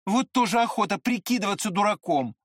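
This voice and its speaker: A reader voicing an excitable, pretty teenage boy who chatters eagerly in an audiobook. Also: mid-range voice, fairly quick, no room sound, studio quality, pitched above the performer's own voice, lightly acted. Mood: chattering.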